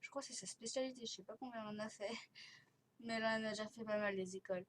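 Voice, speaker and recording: A woman with a voice on the high side talks quickly and fairly evenly while giving chatty commentary on a tour of a game for her gaming channel. Because of dental elastics, she barely opens her mouth and slurs her S sounds, and her delivery is hesitant and rambling; the home recording is noisy, with clicking.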